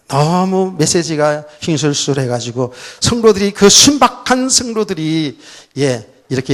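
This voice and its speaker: In a church sanctuary, a middle-aged pastor shares a personal story during his sermon. His delivery swings from loud outbursts to soft, low asides.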